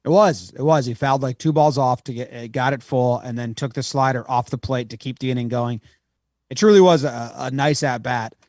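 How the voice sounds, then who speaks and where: A man's voice: mid-range voice, a little fast, darkish tone, dry recording, studio quality. A man co-hosting a podcast, chatting casually and playfully about baseball. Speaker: podcast co-host. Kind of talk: casual sports chat.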